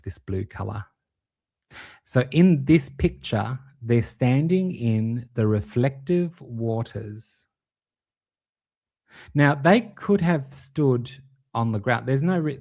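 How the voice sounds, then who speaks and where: A man's voice: fairly low pitch, darkish tone. A man hosting a casual tarot livestream, theatrical and giggly, calling his viewers darling. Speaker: tarot reader streaming host.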